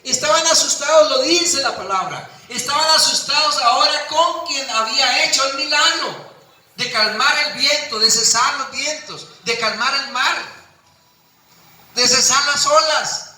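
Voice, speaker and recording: A man preaches with fervor and acts out the voices of the people he quotes. His voice is high and strikingly bright. It rings through an echoey room over a faint background ambience. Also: a little slow. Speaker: pastor. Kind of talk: sermon.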